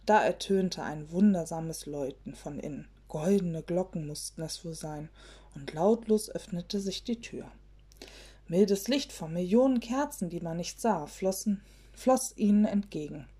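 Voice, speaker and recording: A woman reading a children's fairy tale aloud in a gentle storybook manner, sometimes dropping to a hush. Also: on the low side, measured pace, slightly rough.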